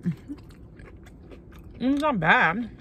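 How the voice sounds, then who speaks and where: A woman's voice: fairly high pitch, animated, drawn-out words, sharp tone, a little hiss or hum. A woman chatting casually in an eating vlog while chewing food, talking to her viewers. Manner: chatty, addresses viewers as y'all. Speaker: mukbang vlogger.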